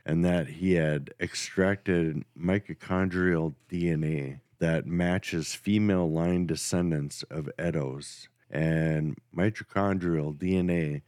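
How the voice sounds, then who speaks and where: A man hosting a podcast, telling a true crime story in a steady, matter-of-fact way. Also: sits low, takes it slowly, few pauses, no echo, studio quality. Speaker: podcast host.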